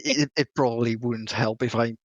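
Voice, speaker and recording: A man's voice: mid-range voice, fairly even intonation, normal speed, dry recording, muffled recording. A man playing a tabletop game, talking casually as one of the players.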